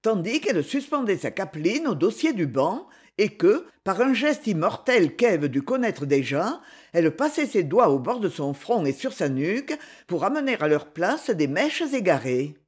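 An audiobook narrator reading a novel with expressive storytelling. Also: mid-range voice, moderate pace, slightly rough.

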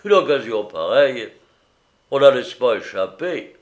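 A man reading aloud, voicing a shrewd, self-assured merchant with a loud, brash delivery. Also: mid-range voice, measured pace, lo-fi sound, voice pushed up, natural voice. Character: shrewd, swaggering male merchant.

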